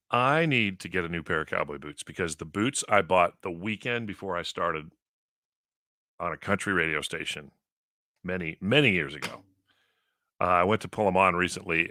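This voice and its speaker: Deep bright-voiced radio host. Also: male voice, dry recording, studio quality. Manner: chatty storyteller, laughs often. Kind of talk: casual morning radio banter.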